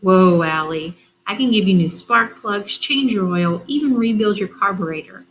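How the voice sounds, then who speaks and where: A woman's voice: medium pitch, moderate pace, highs cut off, a little hiss or hum, lightly acted. A woman reading the part of an easygoing teenage big brother who works on cars and teases his sister. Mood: joking. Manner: joking, teasing.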